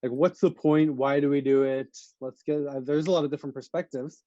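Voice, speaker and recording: A man's voice: on the high side, steady tone, a little fast, warm tone, no echo. A man from the United States co-hosting a casual podcast chat, steering the talk with questions. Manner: chatty, leading the questions. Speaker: podcast co-host. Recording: dull, dry sound.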